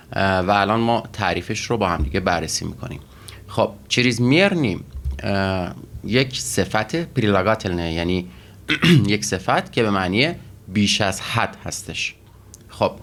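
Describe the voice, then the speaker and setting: A man teaching Russian vocabulary and grammar in a methodical way, pausing often with fillers as he explains each word. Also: fairly low pitch, fairly bright tone. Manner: methodical, with frequent pauses and fillers.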